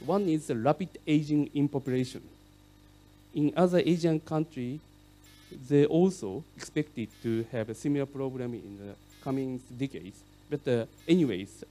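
A middle-aged man whose first language is Japanese gives a conference keynote lecture in English, speaking haltingly with many fillers. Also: mid-range voice, mellow. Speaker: keynote speaker on urban rail.

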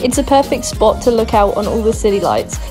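An Australian woman from Darwin narrates a scripted travel vlog voice-over, chatty and upbeat as she shares tips. Her voice is on the high side, animated and brisk, with loud music playing behind it.

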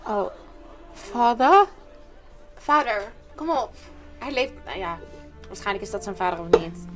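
A woman commentating a video game, excitable and reacting loudly to what happens. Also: medium pitch, measured pace. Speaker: gamer. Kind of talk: let's play commentary. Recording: game music behind the voice.

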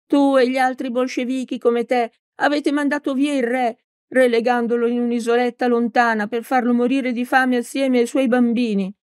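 A woman reading an audiobook, voicing a frail, stern and proud old woman schoolteacher in a high, scolding voice. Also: flat delivery, normal speed, darkish tone, clean tone, no room sound, studio quality, natural voice. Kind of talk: audiobook character voice.

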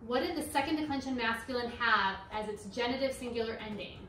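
A woman's voice: fairly high pitch, fast talker, bright, forceful tone. A woman in her thirties, a homeschooling mother, teaching a Latin lesson at her kitchen table and patiently quizzing her children with frequent okays. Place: home kitchen. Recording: roomy, distant mic, faint noise.

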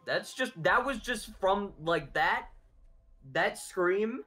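A laid-back young man joins a casual reaction chat. His voice sits a little high and sounds bright. He laughs easily. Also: expressive, slow.

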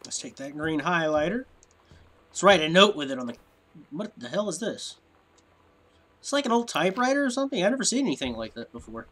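A man's voice: fairly high pitch, sing-song, brisk, pauses often, a bit bright. Stuffy-nosed man muttering through a game. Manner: muttering to himself, puzzled, rambling. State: stuffy nose, sniffling. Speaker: gameplay video host. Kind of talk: casual let's-play commentary.

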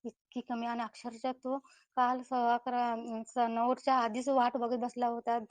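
A woman's voice: a little high, little pitch movement, moderate pace, no echo. A woman who gives an earnest devotional testimony about a personal experience. She acts out the dialogue she quotes as she tells it.

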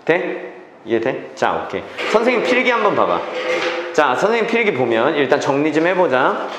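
Animated male teacher in echoey classroom. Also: fairly high pitch, normal speed, noisy background. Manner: questioning students, repeats key phrases. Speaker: English teacher. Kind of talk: classroom lecture.

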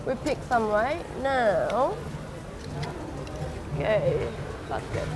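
A woman's voice: fairly high pitch, very animated, very slow, noisy background. A young woman chef, explaining ingredients in simple, upbeat English on a cooking show, recorded on a camera mic with music behind. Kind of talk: casual cooking-show chat.

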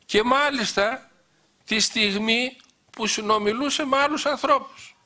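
A middle-aged man, speaking as a guest, tells anecdotes from his own memories, quoting conversations and frequently slipping in "he says." His voice is very high, with a sharp edge to it.

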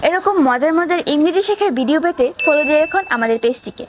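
A woman giving a scripted vocabulary lesson, reading word pairs in a clear, even, list-like way. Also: high-pitched, fast talker. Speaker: English teacher. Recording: noisy background hiss.

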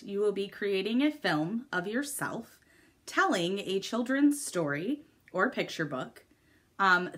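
A woman's voice: medium pitch, fairly bright tone, husky. A woman teacher giving a recorded video lesson to middle schoolers, explaining step by step in an upbeat, encouraging way.

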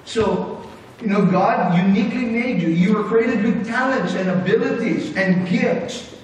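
High-voiced pastor preaching in an echoey hall. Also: male voice, unhurried, recorded from a distance, slight background noise. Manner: animated preaching with big hand gestures, moving about the stage. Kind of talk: sermon. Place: church sanctuary with brick wall, indoors.

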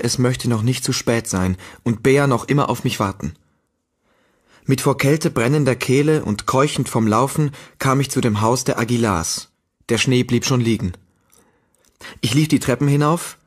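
A male audiobook narrator telling a first-person novel. His delivery is measured and steady, and his voice sits at a middling pitch. He reads with an even, unhurried storytelling pace.

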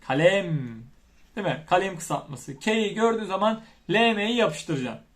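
A man teaching young children as their primary school teacher, chanting the alphabet and speaking to them directly in a lively classroom manner. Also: high-pitched, moderate pace. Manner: animated, chants letters, addresses children directly.

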